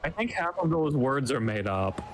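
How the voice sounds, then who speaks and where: A man casually chatting along with a game and making deadpan jokes. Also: mid-range voice, moderate pace. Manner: joking, deadpan quips. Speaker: co-host. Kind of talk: casual gaming chat.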